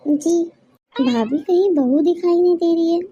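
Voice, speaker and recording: A woman voicing a chatty, nosy neighbour lady in a cartoon story, talking in a loud, gushing way. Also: very high voice, a little slow, lo-fi sound, slight background noise.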